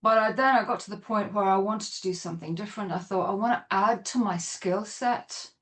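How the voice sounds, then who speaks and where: A woman's voice: mid-range voice, a little fast, fairly bright tone. A middle-aged woman with a Dublin accent, chatting as a podcast guest, rambling with restarts. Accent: Irish, Dublin. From Ireland. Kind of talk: podcast interview.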